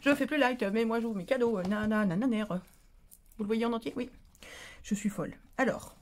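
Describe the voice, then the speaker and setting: A woman with a high-ish voice talks fairly quickly while hosting a casual unboxing vlog for her crafting channel. She's excitable and gushing, repeating herself as she chats to viewers and opens a parcel.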